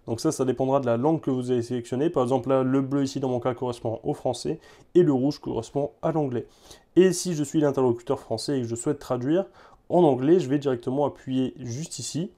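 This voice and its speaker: A man's voice: medium pitch, fast, mellow. A man casually presenting and testing a gadget for viewers, talking loosely with many filler words and repeated words. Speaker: tech reviewer. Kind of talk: casual product demo.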